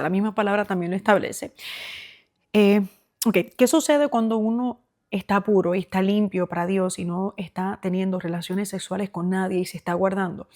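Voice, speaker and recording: A woman's voice: mid-range voice, darkish tone. Woman podcast host, earnest faith-talk preacher, speaks directly to the listener and shares her own testimony. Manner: earnest and exhorting, addresses the listener as "hermano".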